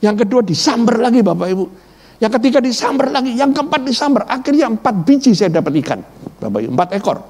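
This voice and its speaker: A middle-aged man with a very high voice and a quick pace preaches as a pastor, weaving his sermon around his own testimony. Animated throughout, he acts out quoted speech and repeatedly addresses his listeners as "Bapak Ibu."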